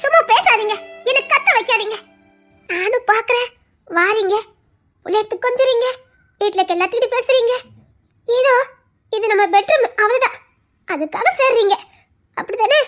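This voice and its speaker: A woman voicing a hurt young wife in a Tamil audio drama, pleading and tearful, rising to shouts. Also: very high-pitched, moderate pace, pauses often, faint music behind. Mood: reproachful. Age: young adult.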